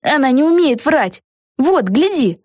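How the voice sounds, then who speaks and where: A woman voicing a calm, sensible young witch girl in a storybook reading, soft-spoken and knowing. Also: high voice, a little slow, no room sound, clean studio sound, voice pushed up.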